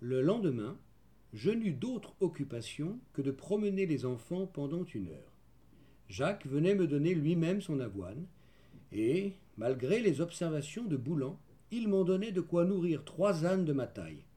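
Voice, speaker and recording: A man narrating a children's storybook in the first person, measured and gentle. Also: fairly high pitch, very animated. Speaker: audiobook narrator.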